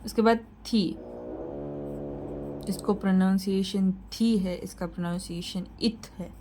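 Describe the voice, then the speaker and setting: A woman's voice: mid-range voice, fairly even intonation, a little slow, warm tone, soft background music, poor audio. A woman teaching a shorthand lesson, explaining each point patiently and repeating key points to reassure her students. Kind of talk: tutorial lesson.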